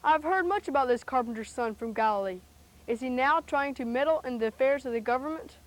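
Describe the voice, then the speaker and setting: Woman playing a pompous, high-voiced greedy tax collector. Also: fairly quick, lightly acted. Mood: stern, demanding. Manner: pompous, declamatory. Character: haughty, greedy male Bible-era chief tax collector and father.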